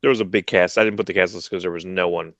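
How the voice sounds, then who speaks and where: A man in his thirties co-hosts a comics podcast over a video call from a room at home, wearing a headset. He rambles casually and low-key about comics news, restarting often, and talks at a racing pace with fairly even intonation and a fairly bright tone. The sound is lo-fi with no room sound.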